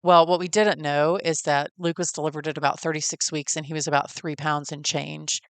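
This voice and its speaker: Personal storytelling comes from a podcast host in her forties with a Texan accent, friendly and heartfelt in a folksy way. She speaks a little fast with a low, clear, resonant voice and flat delivery, on a dry recording.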